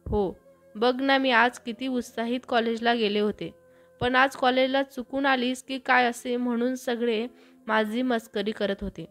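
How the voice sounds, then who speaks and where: A young college girl from a romantic storybook, teasing her friends and sulking a little with her boyfriend, as a woman narrator puts her on. The voice is fairly high, over faint background music. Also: steady tone, measured pace, lightly acted. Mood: pouty. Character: young woman college student, sulky and playful.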